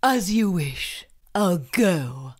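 Woman reader putting on a low breathy storybook monster guy, mild and prim, slow, swoopy delivery. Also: big pitch swings, exaggerated voice. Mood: sulky. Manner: slow, formal, softly complaining. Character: timid bookish male monster, mild and proper. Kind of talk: children's storybook read-aloud.

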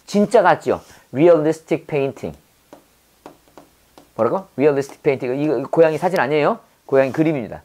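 Low-voiced woman drilling English words. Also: a little mellow. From South Korea. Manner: repeats words and quizzes the viewer, drawn-out pronunciation drills. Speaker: English teacher. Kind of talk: vocabulary lesson with mnemonic wordplay.

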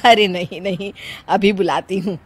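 A woman's voice: medium pitch, fairly even intonation, moderate pace, husky, voice pushed down, close to an everyday voice. A woman voicing a fussy older mother-in-law who bosses and scolds her daughter-in-law. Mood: scolding. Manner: scolding, bossy.

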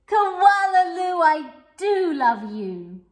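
A woman voicing a loving mother koala in a children's storybook reading, slow, sing-song and fond. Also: very high-pitched, very animated, voice pushed up, full character voice. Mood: doting. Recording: echoey room.

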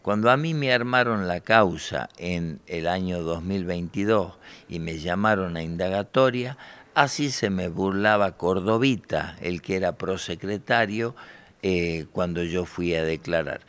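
Lawyer at a press gaggle: man in his forties, very low voice, combative and indignant. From Argentina. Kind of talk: press interview. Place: bright room by large windows. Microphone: handheld reporter mics close.

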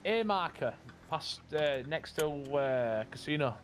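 A man's voice: a little high, very animated, measured pace, noisy background. A man speaking over a police radio during a game roleplay, terse and hesitant with fillers.

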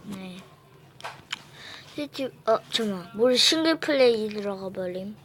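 A woman's voice: mid-range voice, animated, a little slow. A woman chatting playfully while commenting on a mobile game she is playing. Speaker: gamer. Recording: noisy phone recording.

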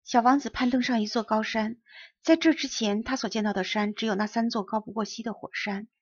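Husky woman reading a children's story. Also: a little high, fairly quick, no room sound. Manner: clear, even storytelling. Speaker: audiobook reader. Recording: dull lo-fi recording.

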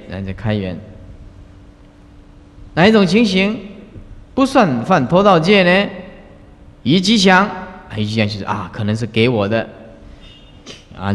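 A man, a Buddhist master, giving a folksy, teasing talk on the precepts to retreat participants. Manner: folksy, teasing, chuckling asides, lively swings in pitch. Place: large lecture hall. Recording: long hall reverb.

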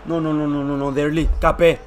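Young man shouting over a game. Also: a little high, little pitch movement, moderate pace, slight background noise. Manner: emotional, shouts and groans at every play. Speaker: gaming YouTuber. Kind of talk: excited gameplay commentary.

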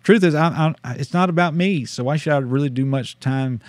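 Briskly and in a higher-pitched voice, a man in his thirties from the American South preaches informally over a livestream as a missionary, self-deprecating and folksy, laughing at himself often. The dry recording comes from a studio desk mic in a small room with purple-lit shelves.

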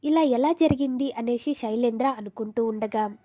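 A woman narrating a recap of a TV serial episode in a steady storytelling way, reading out the characters' lines as she goes. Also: on the high side, normal speed, muffled recording. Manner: steady retelling with frequent quoted dialogue.

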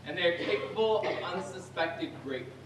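On a stage, a male performer delivers a solemn, declaiming theatrical speech in a voice that sits high, animated and fairly bright, at a moderate pace. The recording is echoey and distant, taken in a theater with music behind him.

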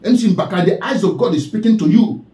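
A man's voice: high voice, quick pace, dark tone, roomy sound, low-quality recording. A man with a Nigerian accent delivering a preachy, scolding commentary, repeatedly calling out the person he addresses. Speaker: online commentator.

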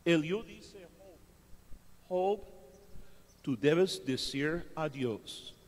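A man preaching a sermon as pastor, emphatic, swinging from loud to hushed. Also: fairly high pitch, lively intonation, very slow, big-room sound. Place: church hall.

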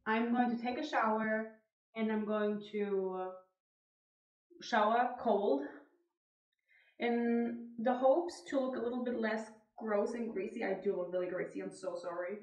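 A woman's voice: fairly high pitch, fairly even intonation, a little slow, a little mellow. Young woman vlogging in an echoey room. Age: young adult. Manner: exasperated, blunt, swearing. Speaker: book vlogger. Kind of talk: casual reaction vlog. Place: small tiled bathroom. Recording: roomy, distant, dull sound.

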